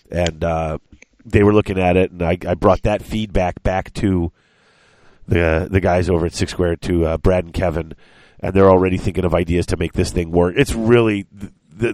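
A man's voice: sits low, darkish tone, no room sound. A middle-aged man co-hosting a podcast in casual, rambling chat, congested and short of breath from a chest cold. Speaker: podcast co-host.

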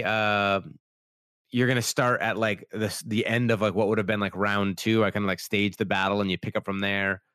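Recorded at studio quality with no room sound, a young man hosts a casual podcast chat in a smooth, fairly low, fairly bright voice. Still a little worn from being sick, he rambles, leans heavily on "like," and acts out the lines he quotes.

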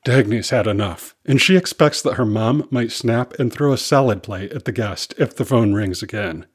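A man narrating a scripted children's story in an animated, expressive reading voice. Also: mid-range voice, moderate pace, breathy edge.

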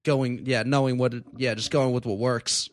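A man's voice: mid-range voice, fairly even intonation, normal speed, dry recording. A man chatting casually as a comedian guest, with upward inflection at the ends of his statements. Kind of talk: casual chat.

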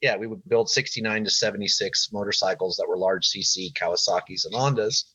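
Middle-aged male interview guest: deep, plain-spoken, conversational, on a dry, slightly dull line. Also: steady tone, a little fast, sharp tone, slightly rough, no room sound. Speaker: podcast guest, machinist. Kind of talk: casual interview, recounting his career.

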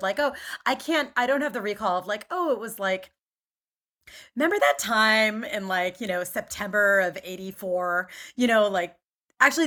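Woman, 40s, from Philadelphia; bright, chatty podcast guest who rambles with fillers. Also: medium pitch. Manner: chatty, many fillers and restarts. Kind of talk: casual conversation.

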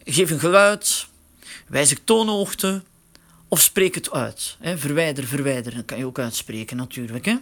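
A man giving a casual spoken tutorial, explaining slowly and with filler words while working a phone. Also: a little high, a bit bright. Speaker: instructor.

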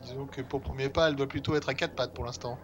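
A man's voice: medium pitch, steady tone, fast talker, slight background noise, voice pushed down, natural voice. A man voicing a genteel young lady traveler, stammering and overly formal. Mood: prim. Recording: faint music behind.

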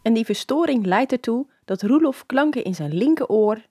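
A woman's voice: fairly high pitch, lively intonation, normal speed, mellow, slightly rough. A woman co-presenting a science podcast in scripted narration, asking and explaining.

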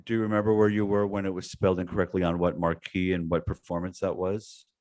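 A man's voice: sits low, flat delivery, quick pace, darkish tone. A man hosting an interview, speaking hesitantly with many restarts. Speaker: show host. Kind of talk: casual interview chat.

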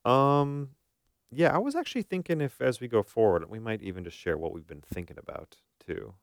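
Brisk and animated, a man with a mid-range, creaky voice explains ideas in an informal, illustrative style on a conversational podcast he co-hosts. He's a therapist who uses analogies and acted-out quotes, and the studio audio is clean with no room sound.

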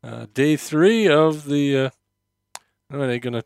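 A man's voice: fairly high pitch, animated, takes it slowly, vocal fry, darkish tone, clean tone, no echo. A man hosting a casual solo podcast in a hesitant, meandering, conversational way, his mouth slightly numb from dental work, close on the microphone. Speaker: podcast host.

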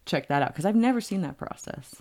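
A woman's voice: fairly low pitch, animated, fast talker, dark tone. A woman co-hosting a casual podcast chat, curious and teasing, with jokey asides. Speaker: podcast co-host.

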